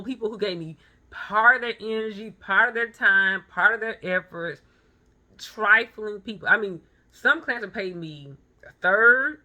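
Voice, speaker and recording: A woman in her thirties, a vlogger and photographer, speaks in a medium-pitched voice that sounds pushed and bright. Her motivational monologue is blunt and emphatic, full of personal anecdotes and phrases repeated for stress.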